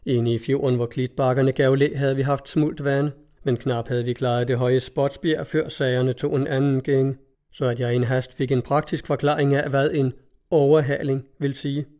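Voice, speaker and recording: A man reading a classic sea novel aloud in an even, measured storytelling manner. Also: medium pitch. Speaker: audiobook narrator.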